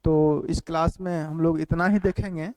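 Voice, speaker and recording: A man teaching a grammar class who repeats phrases slowly for note-taking and keeps asking quick check questions. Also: on the high side, steady tone, no echo. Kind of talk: classroom lecture.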